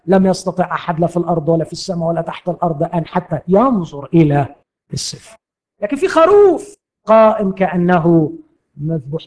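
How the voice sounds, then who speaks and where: Egyptian guy preaching, fiery then soft, high voice that jumps all over. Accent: Egyptian Arabic. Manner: impassioned, swings between loud and hushed. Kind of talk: sermon.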